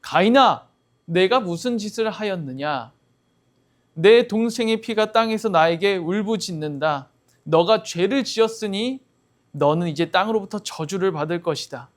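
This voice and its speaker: A man's voice: high-pitched, lively intonation, moderate pace. A man voicing God as a stern, fatherly figure who rebukes and warns, in a Bible story told to children.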